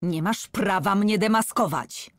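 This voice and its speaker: A woman voicing a frightened but angry young male prisoner who shouts his lines. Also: medium pitch, very animated, normal speed, slightly rough, no room sound, studio quality, voice pushed up. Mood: angry, urgent.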